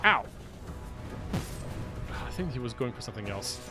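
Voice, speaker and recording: A man giving animated live gameplay commentary as a streamer, who keeps addressing his viewers as friends. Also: medium pitch, moderate pace, loud music behind the voice. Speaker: gaming streamer.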